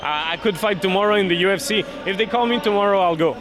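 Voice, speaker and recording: Quebec french accent guy, high voice, native french speaker, casual fighter interview, noisy location. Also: fast talker. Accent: Québécois French. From Quebec, Canada. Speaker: MMA fighter being interviewed. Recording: clear urban ambient noise behind.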